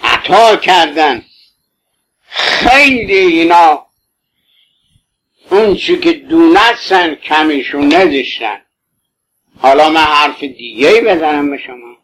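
A man's voice: on the high side, expressive, pauses often, fairly bright tone, rough recording. An older man speaking fervently and pleadingly, telling a religious story about his late wife in a colloquial style. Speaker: bereaved husband recounting his late wife.

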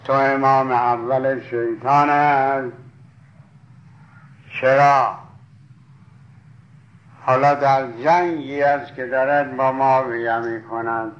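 A man's voice: mid-range voice, steady tone, pauses often, a bit bright, dull audio. A man preaching a sermon, retelling stories with quoted dialogue and fondly addressing his listeners. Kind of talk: sermon storytelling.

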